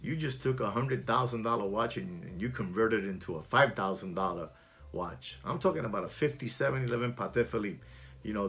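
A man in his sixties who hosts a watch channel, talking casually and emphatically to camera from a small room at home, repeating his points with animated gestures. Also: medium pitch.

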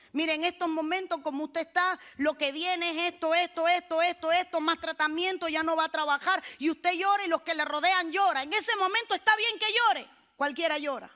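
A woman's voice: very high voice, bright, forceful tone. A woman pastor preaching a sermon with rising fervor, calling the congregation to repeat after her.

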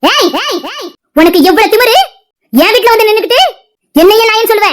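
A woman with a Tirunelveli Tamil accent voicing a defiant young wife in a cartoon, who quarrels in a taunting, shrill way. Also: expressive, a little fast. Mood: quarrelsome. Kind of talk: cartoon dialogue acting.

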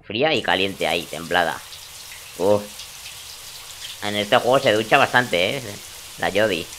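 A man's voice: on the low side, takes it slowly, pushed and bright, slight background noise. A young man giving joking, crude gameplay commentary in a teasing, playful way. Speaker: let's play gamer.

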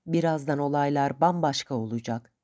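A woman's voice: low-pitched, moderate pace, mellow, natural voice. A woman reading the lines of an earnest young man who pleads and apologizes.

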